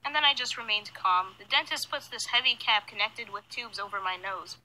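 Bright-voiced young woman storyteller, faint noise. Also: medium pitch, a little fast. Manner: animated, casual youthful delivery. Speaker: animated storyteller. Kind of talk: animated scripted storytime narration. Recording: noisy screen-recorded playback.

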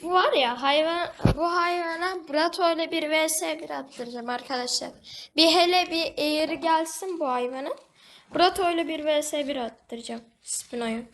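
A woman's voice: high-pitched, moderate pace, a bit bright. A woman giving casual, chatty commentary over her gameplay, talking to the game animal and to her viewers. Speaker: gaming video host.

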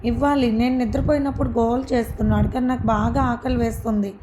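A woman's voice: a little high, steady tone, fast, lightly acted. A woman reading as a pouting young mother. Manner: pouting, complaining. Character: young new mother, sulky and childlike. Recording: noisy recording.

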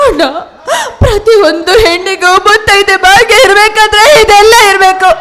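A woman's voice: very high voice, steady tone, moderate pace, over loud music. A woman playing a young wife who has just lost her husband, wailing and pleading with her brother on a village stage. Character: grieving young widowed wife. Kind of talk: village stage drama acting.

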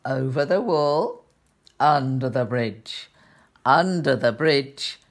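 An older woman reading a picture book aloud to young children in a sweet, gentle grandmotherly way, with chatty asides. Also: very deep voice, expressive, slow.

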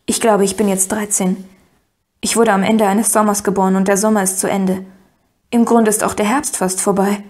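A woman narrating a first-person audiobook in an even storytelling manner. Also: medium pitch, normal speed.

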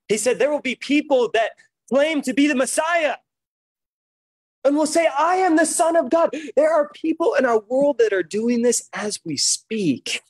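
Preacher at a pulpit mic, high male voice, dry close sound, reads scripture then reacts with emphatic asides. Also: no echo. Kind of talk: sermon with scripture reading.

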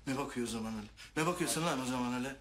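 An actor playing a hostile sailor, taunting and confronting a crewmate. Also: male voice, medium pitch, very fast, noisy background, lightly acted.

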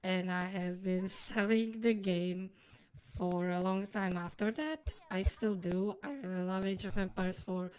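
Clear, voice-changed woman reviewing games. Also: mid-range voice, unhurried, darkish tone, rough recording. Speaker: streamer and video reviewer. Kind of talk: rambly personal game review commentary.

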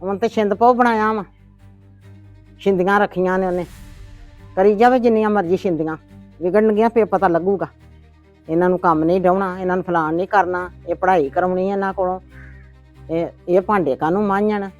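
A woman's voice: lowish voice, fairly even intonation, fairly quick, long pauses, lo-fi sound, soft background music, natural voice. A woman playing a stern, nagging grandmother in a homemade family drama, lecturing and complaining. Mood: scolding. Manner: complaining, lecturing, sharp-tongued.

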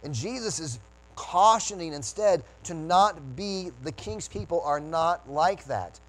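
Earnest preaching man, somewhat high voice. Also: animated, unhurried, rough recording. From United States. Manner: earnest, restarts phrases while preaching. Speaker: pastor. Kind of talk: sermon.

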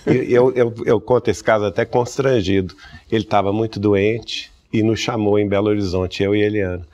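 Low-voiced man telling a confiding story. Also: steady tone, moderate pace, a little mellow, highs cut off. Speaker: interviewee. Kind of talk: documentary interview.

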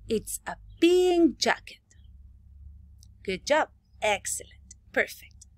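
A young adult woman with a Chilean Spanish accent, teaching a virtual English lesson to young children and drawing out each model phrase slowly. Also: husky, dry recording. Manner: slow, drawn-out model phrases with lively pitch swings.

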